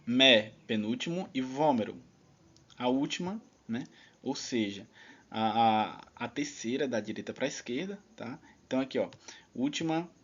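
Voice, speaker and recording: A man's voice: mid-range voice, lively intonation, normal speed, darkish tone, slightly rough, highs cut off. A man teaching an online exam-prep lesson in a chatty, casual way, leaning on filler tags.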